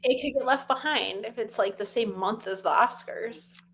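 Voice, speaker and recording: A young woman co-hosting a podcast, chatting excitedly and packing her talk with "like". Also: on the high side, husky. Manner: excited, fast chatter full of "like". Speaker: podcast co-host. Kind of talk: casual chat.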